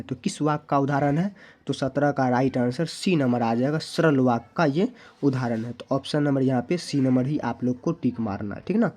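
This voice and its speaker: This Indian teacher has a medium-pitched, slightly mellow voice as he takes students through exam questions. He is repetitive, going over answers again and repeatedly asking students to remember them.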